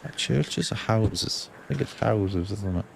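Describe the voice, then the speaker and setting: A Scottish man gives casual commentary on a game he is playing. His voice is on the low side and gravelly, and he talks slowly, swearing and reasoning out loud as he goes. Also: slight background noise. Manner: sweary, thinking aloud. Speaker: game streamer.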